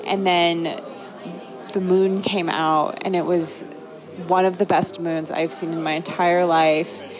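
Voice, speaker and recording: A woman from Maine, United States, hosts a travel show, narrating vlog-style with upbeat enthusiasm. Her voice is fairly low with little pitch movement and a slow pace, and the poor-quality audio has music behind it.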